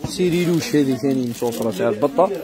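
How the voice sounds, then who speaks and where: Give me a quick Algerian shopkeeper, a man hawking housewares in a fast patter over crowd noise. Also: mid-range voice. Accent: Algerian Arabic. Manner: calls out prices and addresses customers directly. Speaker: shop salesman. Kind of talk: rapid sales patter. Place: busy housewares shop.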